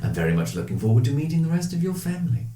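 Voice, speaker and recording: A woman's voice: sits low, very animated, rapid-fire. A woman voicing a silky, manipulative fey patron who calls her charge darling, in an echoey room. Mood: sweetly menacing. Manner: sweet, possessive, teasing. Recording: echoey room, faint noise.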